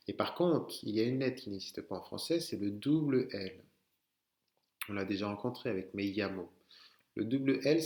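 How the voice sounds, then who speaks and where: A French man teaching Spanish pronunciation letter by letter, slowly repeating words for his students to say back. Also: lowish voice, a little mellow, echoey room. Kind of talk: online language lesson.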